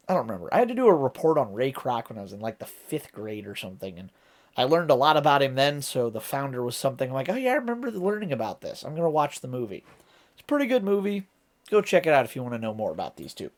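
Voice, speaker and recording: An American man from Ohio, with a medium-pitched and slightly mellow voice, hosts a reaction video. He explains song lyrics casually, rambling as he thinks out loud.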